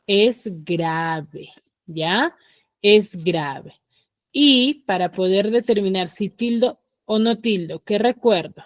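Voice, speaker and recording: With a Peruvian Spanish accent, this online teacher leads her students through questions one step at a time. Her medium-pitched voice is animated but slow, captured by a computer mic on a video call without any room sound.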